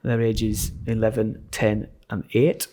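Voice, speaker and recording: A man's voice: on the low side, level tone, takes it slowly, dark tone. A middle-aged man with a toned-down Sunderland, North East English accent, chatting as a pastor being interviewed. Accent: Sunderland, toned down towards general North East English. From Sunderland, North East England. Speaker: pastor, podcast guest. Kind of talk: conversational interview. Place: church side hall.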